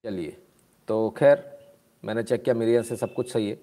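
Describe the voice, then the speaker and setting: A man's voice: on the low side, fairly even intonation, moderate pace, background noise. A man giving casual, sarcastic live-stream news commentary, mixing Hindi and English.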